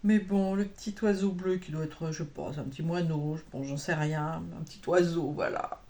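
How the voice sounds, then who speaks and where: A woman chats to the camera about cross-stitch, wandering from point to point and full of fillers and self-corrections. She speaks at normal speed in a low, warm voice with fairly even intonation.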